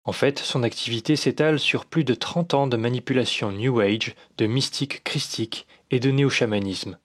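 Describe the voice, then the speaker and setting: A man reading a scripted documentary voice-over in a measured, dryly critical manner. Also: mid-range voice, slightly rough. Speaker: documentary narrator. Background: music.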